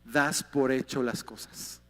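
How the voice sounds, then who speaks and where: A man's voice: mid-range voice, steady tone, slow pace, a bit bright, in a large hall. A man with a Mexican accent preaching a sermon as a pastor, talking conversationally and often asking his listeners rhetorical questions.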